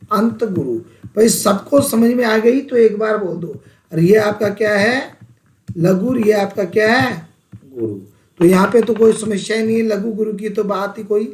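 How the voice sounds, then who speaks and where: A man from India teaching an exam-prep Sanskrit lesson, firing quick questions at students and answering them himself. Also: high voice, darkish tone, reverberant. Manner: drills students with repeated call-and-response questions.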